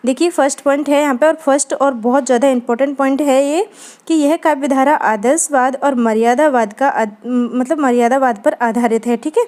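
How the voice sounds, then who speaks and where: A woman's voice: high-pitched, brisk, a little mellow. A woman teaching an exam-prep literature lesson, explaining step by step and checking in with her students. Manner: explanatory, frequent "ठीक है दोस्तों" check-ins.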